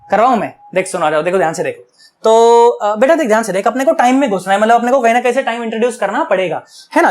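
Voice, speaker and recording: A male physics teacher gives an online video lecture in a chatty, coaxing way, often making sure students are keeping up and sounding earnest and affectionate toward them. His voice sits high.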